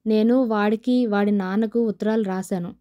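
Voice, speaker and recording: A woman's voice: mid-range voice, fairly even intonation, normal speed, warm tone, natural voice. A woman voicing a spurned young man who talks in a pleading, sarcastic way. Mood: bitter.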